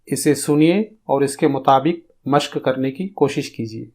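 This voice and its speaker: A man teaching pronunciation in a recorded lesson, explaining calmly and drawing out demonstration sounds slowly. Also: mid-range voice. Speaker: tajweed teacher.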